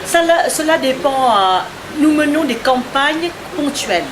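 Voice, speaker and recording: A woman's voice: high-pitched, animated, unhurried. A woman speaking for an activist collective in a street interview, hesitant and full of fillers. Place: outdoor street rally. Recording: outdoor crowd noise. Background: crowd.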